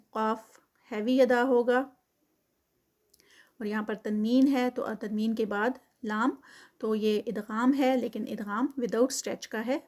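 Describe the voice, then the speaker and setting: A woman teaching Quran tajweed, reciting slowly and drawing out the words, then explaining the rules quickly. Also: a little high, a little mellow. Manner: slow drawn-out recitation between quick explanations. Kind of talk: tajweed lesson.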